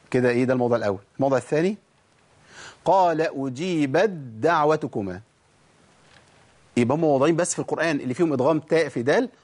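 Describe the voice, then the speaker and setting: Fast-talking Egyptian tajweed teacher. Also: male voice, medium pitch, darkish tone. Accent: Egyptian Arabic. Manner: asks and answers his own questions; demonstrates pronunciation. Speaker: Quran recitation teacher. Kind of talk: tajweed lesson.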